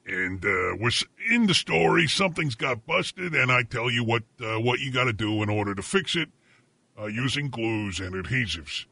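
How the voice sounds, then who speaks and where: A man co-hosting a comedic podcast, mock-indignant and deadpan, breaking into sudden loud bursts. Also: mid-range voice, normal speed, creaky. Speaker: podcast co-host.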